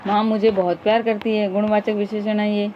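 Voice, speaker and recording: A woman's voice: mid-range voice, level tone, a little fast, dull audio, a little hiss or hum. A woman teacher going through exam-prep grammar questions, patiently repeating each question and its options aloud.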